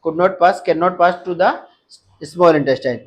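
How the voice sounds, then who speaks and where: With a high voice and drawn-out words, a male nursing exam teacher lectures his live class, repeatedly asking the students questions and restating key terms. The audio is poor.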